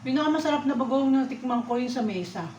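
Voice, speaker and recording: A woman's voice: high-pitched, lively intonation, fast talker, background noise. A woman chatting casually to her viewers while she eats, often calling out to them. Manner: talks while eating. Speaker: food vlogger. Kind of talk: casual eating vlog chat. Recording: echoey, slightly dull recording.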